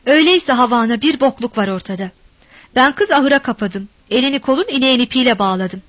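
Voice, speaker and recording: A woman voicing a rough, quick-tempered village husband who curses and defends himself, read aloud from a storybook. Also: high-pitched, lively intonation, fairly bright tone, dry recording. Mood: angry. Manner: gruff, cursing, defensive. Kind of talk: storybook reading.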